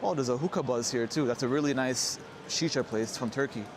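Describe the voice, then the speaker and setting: A man's voice: mid-range voice, brisk. A man giving a chatty, casual walking tour as a travel vlogger outdoors on a city street. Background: street noise and vehicles.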